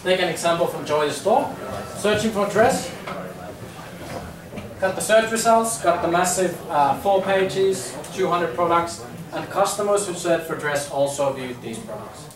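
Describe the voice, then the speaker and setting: A high-voiced, unhurried man in his thirties, from Finland and with a Finnish accent, presents a casual business talk to a conference-room audience over crowd noise. Chatty, he piles up ums and repeated words. No mic was used; a far-off camera picked up the echoey room and a faint hum.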